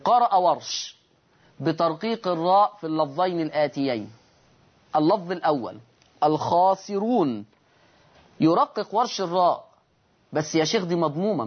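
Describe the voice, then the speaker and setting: A man with an Egyptian accent and a fairly high voice, teaching recitation rules on a broadcast lesson. He stretches the example words out slowly as he recites them, then asks his listeners questions and answers them himself. The sound is a bit dull and lo-fi. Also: husky. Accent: Egyptian Arabic.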